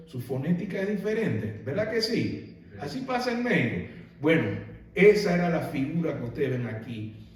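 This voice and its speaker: A man preaching a sermon as pastor, animated and asking the congregation rhetorical questions. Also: fairly high pitch, a little hiss or hum. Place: church sanctuary. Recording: very echoey hall, mic far off.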